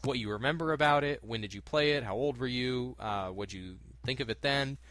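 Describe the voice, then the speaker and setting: Male podcast host, bright and clear-edged, casual chatty delivery, dry recording. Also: medium pitch, brisk, dry recording. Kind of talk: casual gaming podcast chat.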